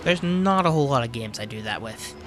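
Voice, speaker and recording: A man talking through his gameplay in a loose, offhand way, swearing freely as he chats. Loud game music plays beneath his voice. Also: mid-range voice, expressive, a little fast. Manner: profane, offhand, chatty. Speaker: let's play host. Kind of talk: casual gameplay commentary.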